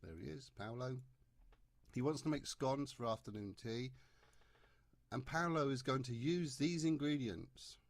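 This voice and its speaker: A man's voice: medium pitch, a little slow, pauses often, dry recording. A man talking through a maths exam paper step by step, chatty and jokey. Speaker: maths tutor. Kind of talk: exam paper walkthrough lesson.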